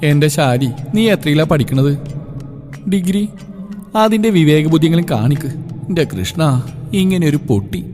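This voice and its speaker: A man's voice: on the high side, animated, measured pace, long pauses, darkish tone. A man voicing an exasperated middle-aged mother who scolds her grown daughter. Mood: scolding. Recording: long hall reverb, music behind.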